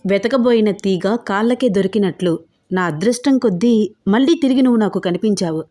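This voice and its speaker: A woman voicing a smooth, menacing gangster. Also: mid-range voice, brisk, mellow, natural voice. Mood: wheedling. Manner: smooth, wheedling then threatening. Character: possessive menacing male gangster lover.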